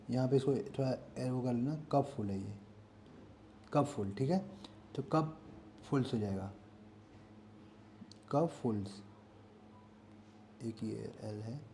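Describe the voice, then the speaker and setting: A man's voice: medium pitch, mellow, slight background noise. A man with an Indian accent teaching English grammar for exam prep. He asks the class questions, answers them himself and repeats key words. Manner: reads English example sentences slowly and carefully.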